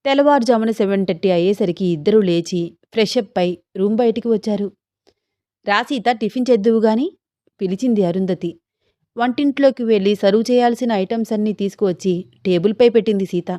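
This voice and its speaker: A woman narrating a romantic story, voicing the dialogue of both lovers herself and lifting her pitch for the heroine. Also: fast, warm tone, no room sound, studio quality.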